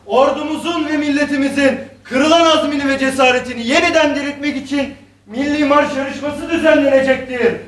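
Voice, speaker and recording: Drawn-out town crier, played by a man, high voice in a roomy hall. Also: bright, forceful tone, full character voice. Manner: slow, drawn-out proclaiming. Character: male town crier making announcements. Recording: echoey hall, distant mic.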